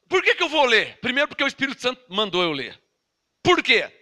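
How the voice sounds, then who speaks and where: A man's voice: very high voice, bright, forceful tone. A Brazilian man in his fifties, a pastor teaching a sermon from the Bible with emphatic repetition and questions to his listeners. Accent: Brazilian Portuguese. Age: 50s.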